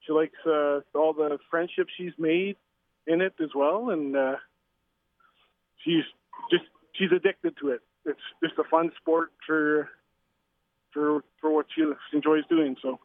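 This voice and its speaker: A middle-aged man from Canada heard over the phone from a train, a curling coach and father giving a casual interview, halting with fillers and restarts. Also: on the high side, steady tone, no room sound. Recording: tinny phone line.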